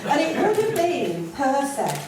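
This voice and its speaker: A woman's voice: high-pitched, wildly swooping pitch, unhurried. Older northern woman doing stand-up, distant and echoey. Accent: Lancashire. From North West England. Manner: blunt, self-mocking, broad northern delivery. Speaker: stand-up comedian. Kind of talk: stand-up set. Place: comedy club stage. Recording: roomy and distant with audience noise.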